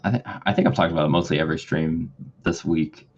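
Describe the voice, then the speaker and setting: A man's voice: extremely low pitch, steady tone, fast talker. A man running a tabletop game as game master, chatting casually and rambling on a livestream. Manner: rambling, self-deprecating. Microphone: webcam setup at home. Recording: dull lo-fi mic with faint noise.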